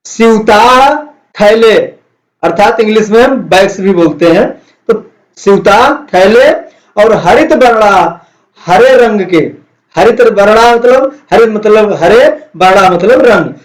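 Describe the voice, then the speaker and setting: A male Sanskrit teacher, explaining word meanings and slowly drilling each word for students to repeat. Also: high voice, lively intonation, rough recording. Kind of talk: classroom lesson explaining words.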